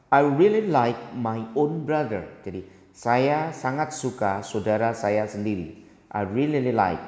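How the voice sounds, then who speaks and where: Middle-aged male teacher, patient and explanatory, slows down on example sentences; echoey room with a long tail. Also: medium pitch, darkish tone. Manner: explanatory, slow and deliberate on English example sentences. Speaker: English teacher. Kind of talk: recorded grammar lesson.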